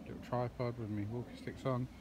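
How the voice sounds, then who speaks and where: A man's voice: medium pitch, little pitch movement, a little fast. Man, 30s, casual outdoors vlogger, handheld phone, noisy open-air sound. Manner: rambling, many ums, chatty. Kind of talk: casual vlog narration. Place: woodland campsite and path outdoors. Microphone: phone camera held at arm's length. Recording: outdoor phone audio with clear background noise.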